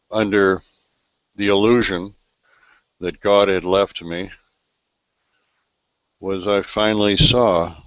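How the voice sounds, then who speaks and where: Slow, low-voiced male talk show host. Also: fairly bright tone, no room sound, dull audio. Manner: slow, reflective, trailing delivery with fillers. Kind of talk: live online talk show chat. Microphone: video call.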